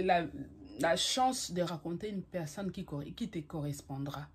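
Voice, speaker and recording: A woman's voice: fairly low pitch, slightly rough. A woman vlogger giving relationship advice to camera in an emphatic, repetitive way, mixing in English phrases. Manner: emphatic, repetitive, addresses listener as "my lover"; mixes French with English phrases. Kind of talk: motivational talk to camera.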